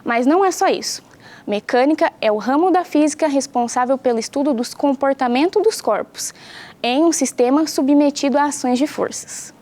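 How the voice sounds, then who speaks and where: A young Brazilian woman teacher gives a patient home science lesson, explaining things clearly and putting questions to her pupils. Her voice is high and mellow, at a moderate pace.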